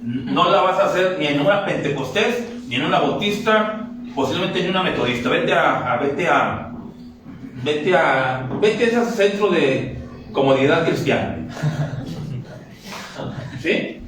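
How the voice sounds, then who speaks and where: A male pastor preaches in a conversational, joking way, acting out little scenes. His voice sits a bit high and sounds roomy and distant, with a faint hiss. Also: lively intonation. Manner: joking, conversational, acts out quick dialogues. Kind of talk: lively sermon. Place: church sanctuary. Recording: very echoey church from a distance.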